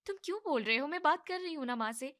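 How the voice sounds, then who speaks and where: A woman's voice: lively intonation, fairly bright tone. A woman voicing an irritable young daughter-in-law in a cartoon family drama, complaining and pushing back. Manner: high, complaining and quick.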